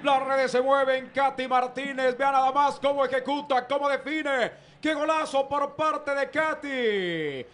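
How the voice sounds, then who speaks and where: A man with a Mexican accent calling football as play-by-play commentator, in excited goal commentary with drawn-out shouts. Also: very high voice. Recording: ambient stadium noise behind commentary. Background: faint stadium ambience.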